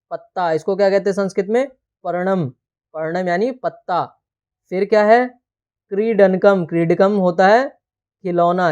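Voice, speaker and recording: A man's voice: sits high, darkish tone, smooth, highs cut off. A man teaching a textbook lesson, explaining words one by one and checking in often with "theek hai". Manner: explains terms slowly word by word.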